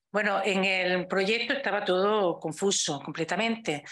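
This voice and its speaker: A woman's voice: mid-range voice, a bit bright. Spanish woman explaining law. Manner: explanatory, frequent rhetorical questions. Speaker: legal expert speaker. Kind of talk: conference talk over video.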